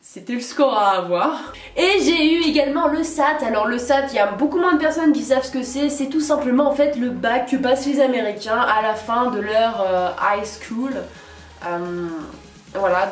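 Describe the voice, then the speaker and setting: A young French woman vlogging in a chatty, playful way, filling her talk with little asides. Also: a little high. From France. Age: young adult. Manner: chatty, many fillers and "hein", playful asides. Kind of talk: casual chat to camera. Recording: echoey room, mic at a distance, faint music.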